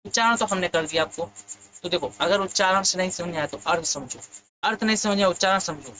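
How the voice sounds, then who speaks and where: A man's voice: high-pitched, fast, pushed and bright, a little hiss or hum, low-quality recording. A male physics teacher leading an exam lesson. He keeps asking his students questions and then answers them himself.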